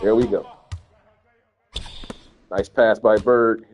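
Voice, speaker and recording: Relaxed guy talking over his game, kinda rambly, faint background noise. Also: on the low side, slow. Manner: laid-back, rambling, repeats words as he thinks. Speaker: gaming streamer. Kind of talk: casual gameplay commentary.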